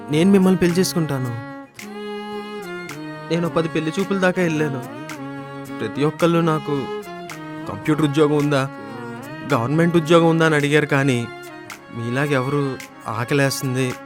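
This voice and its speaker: A man's voice: fairly high pitch, natural voice. A man playing a shy, pleading young suitor. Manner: soft, pleading and earnest. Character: shy, earnest young man in love, salaried and plump. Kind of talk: romantic comedy web series acting.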